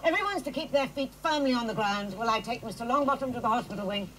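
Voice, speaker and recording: An actress playing a brisk, strict female schoolteacher who speaks crisply and gives commands. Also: a little high, expressive, very noisy, close to an everyday voice. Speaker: flying teacher. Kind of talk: film dialogue.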